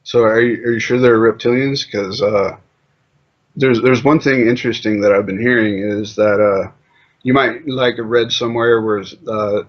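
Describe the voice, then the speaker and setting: In muffled, lo-fi audio, a man being interviewed talks at normal speed in a steady, mid-range voice. His casual conversational answers wander loosely and are packed with fillers such as "you know."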